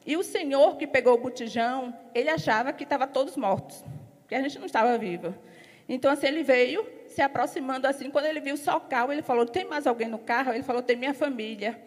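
High-pitched woman telling her testimony at church, animated, long echo in the hall. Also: fast talker. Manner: lively, animated storytelling with laughter. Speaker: church member giving testimony.

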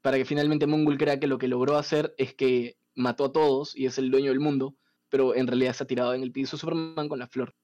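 A man, casually retelling a comic story as a podcast host, animated and profane. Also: medium pitch, fast talker, muffled recording.

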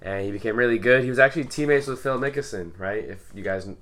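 A man co-hosting a podcast, relaxed, talking through background notes and laughing easily. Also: medium pitch, fast talker. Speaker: podcast co-host. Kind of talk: casual storytelling chat.

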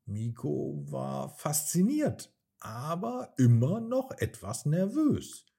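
A man narrating a children's story in a gentle storyteller's way. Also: fairly high pitch, huge pitch swings, takes it slowly, creaky, husky.

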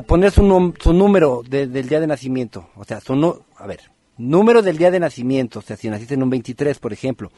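A man's voice: a little high, dry recording. Teasing radio numerologist man. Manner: lively, teasing, addresses listeners by name with rapid questions. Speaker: radio podcast host reading numerology. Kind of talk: live radio numerology readings to listeners.

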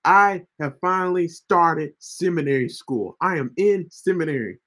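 A man's voice: fairly high pitch, normal speed, fairly bright tone. A man in his thirties hosting a casual faith livestream, chatty and loose, often tagging his sentences with "right?". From United States. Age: 30s. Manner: chatty, repeats himself, keeps asking "right?". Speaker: ministry livestream host.

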